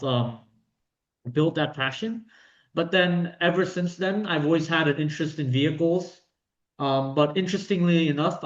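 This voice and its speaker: Young man from Vietnam, echoey lo-fi. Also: mid-range voice. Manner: talkative, fillers and restarts. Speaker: guest racing driver. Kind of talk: casual interview answers. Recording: dull, echoey lo-fi room sound.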